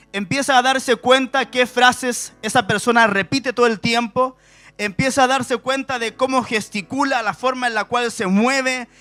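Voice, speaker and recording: A man's voice: very high voice, pushed and bright. A middle-aged man with a Chilean accent preaching a sermon, asking the congregation rhetorical questions and stressing key words. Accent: Chilean Spanish. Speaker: pastor. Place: church stage before a congregation.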